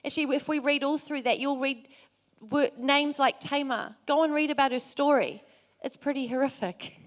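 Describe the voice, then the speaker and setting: A woman's voice: high voice, moderate pace. A woman preacher giving a church sermon, telling a story in an earnest, conversational way.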